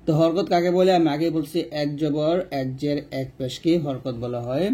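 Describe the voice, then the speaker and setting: A man with a Bangladeshi Bengali accent teaching a step-by-step recitation lesson, repeating each rule and drilling letters slowly. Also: on the high side, warm tone. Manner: repeats rules and drills letters slowly, asks questions to the viewer. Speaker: Quran reading teacher.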